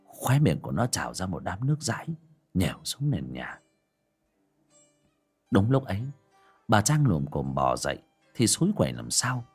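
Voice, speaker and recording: A man narrating a dramatic audio story in an expressive way. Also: fairly low pitch, slightly rough.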